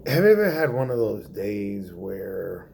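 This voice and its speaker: Male stand-up comic, unhurried and animated delivery, faint background noise. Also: lowish voice, vocal fry. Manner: theatrical, slows for effect and drops to hushed asides. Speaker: stand-up comedian. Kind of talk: stand-up monologue.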